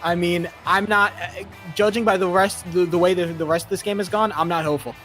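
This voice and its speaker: Chatty male color commentator, fairly high voice. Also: steady tone, fairly quick, a bit bright, soft background music. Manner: chatty analysis with frequent filler words. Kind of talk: live game commentary.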